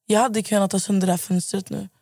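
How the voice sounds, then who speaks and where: A hoarse woman hosting a podcast, ranting in casual chat and swearing a lot. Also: mid-range voice, little pitch movement, warm tone, dry recording, studio quality. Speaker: podcast host.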